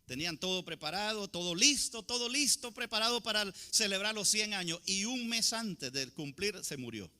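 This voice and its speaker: A male pastor preaching a sermon, asking the congregation questions and drawing out quoted scripture slowly and emphatically. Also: high voice, lively intonation, pushed and bright.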